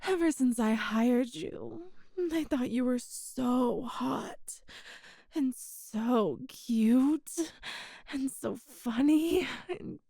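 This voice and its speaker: This intimate ASMR roleplay features a woman in the part of a possessive boss, her voice high, mellow, very close and free of room sound. Heavily acted, she sounds smitten and intense as she flirts with an employee she adores, lingering on each word. Her delivery is slow, coy and teasing, broken by breathy pauses.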